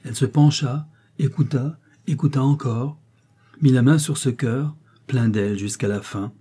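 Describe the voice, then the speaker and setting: A man narrating a novel as an audiobook, with a steady, expressive literary reading. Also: medium pitch, normal speed, husky.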